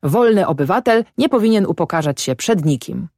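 A jovial, foppish young nobleman with an affected, cheerful way of speaking, as a woman narrating a storybook voices him. He sounds higher than the reader's own voice and bounces around lively, recorded dry and close. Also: brisk, no echo, close to an everyday voice. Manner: affected, cheerful gentry speech. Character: foppish young gentleman rider, clumsy, jovial.

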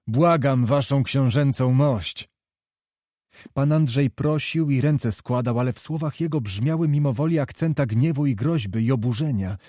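A man reading a novel aloud as narrator in a measured, steady manner. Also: mid-range voice, no room sound, studio quality. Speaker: audiobook narrator. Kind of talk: scripted storybook narration.

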